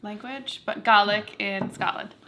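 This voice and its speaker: A woman's voice: mid-range voice, steady tone, measured pace, noisy background. Chatty woman describing whiskey aromas. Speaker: whiskey tasting co-host. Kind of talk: casual tasting chat.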